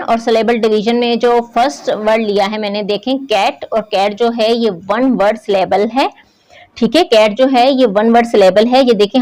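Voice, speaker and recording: Patient woman teacher, slightly high voice. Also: a little mellow, low-quality recording. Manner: patient, repeats points, often checks in with "ठीक है". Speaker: English teacher. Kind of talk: classroom lesson explaining syllables.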